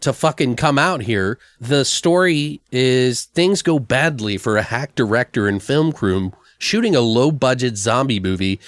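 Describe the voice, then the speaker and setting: Recorded in clean studio sound with no echo, this man's medium-pitched voice belongs to a podcast co-host. He talks through horror film news casually, full of slang and swearing.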